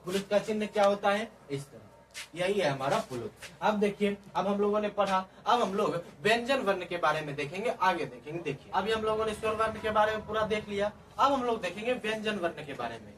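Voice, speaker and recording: A man's voice: high-pitched, lively intonation, fairly quick, a bit bright. A man teaching a grammar lesson, who keeps asking questions and answering them himself in a drilling way. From Bihar, India. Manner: repeats questions and answers in a drilling call-and-response way. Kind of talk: classroom-style grammar lesson. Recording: distant mic with faint background noise.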